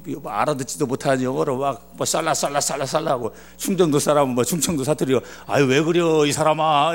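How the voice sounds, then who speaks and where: A man from Chungcheong preaching as a guest pastor, telling a funny story and acting out its dialogue. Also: medium pitch. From Chungcheong, Korea. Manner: jokey, acts out dialogue in dialect. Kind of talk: humorous sermon storytelling.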